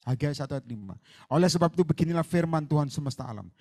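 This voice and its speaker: Fiery preacher man, raised pitch. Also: animated, quick pace. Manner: swings between soft asides and loud fiery exhortation; mixes English words into his preaching. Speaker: pastor. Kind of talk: sermon. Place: church hall.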